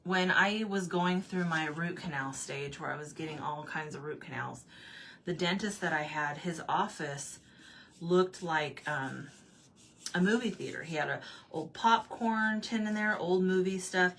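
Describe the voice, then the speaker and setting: A woman hosts a craft livestream, chatting casually while she paints. Her voice is bright and forceful and sits a little low. She rambles in run-on asides, laughs often and answers viewer comments one after another. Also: measured pace, slight background noise.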